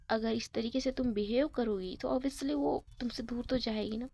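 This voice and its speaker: A woman's voice: on the high side, darkish tone, highs cut off. A woman narrating a love story in a casual spoken style, retelling the characters' dialogue in a plain conversational voice.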